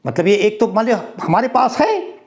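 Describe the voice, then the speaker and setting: A man teaching and explaining verses of a religious epic, chanting lines slowly and then explaining them in an expressive way. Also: sits high. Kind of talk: expository lecture on verse.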